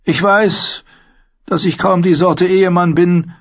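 A man's voice: high-pitched, fairly even intonation, highs cut off, voice pushed up. Tyrion, a man doing a rueful courtly nobleman. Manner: formal, measured. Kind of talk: audiobook character voice.

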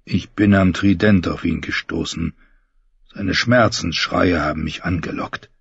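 A weary, regretful holy man in his forties, once a knight, as a male audiobook reader plays him. He speaks low and slow, with a gravelly, husky rasp and a quiet, confessional calm. The sound is dull and close. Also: no echo, heavily acted. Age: 40s. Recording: dull muffled recording.

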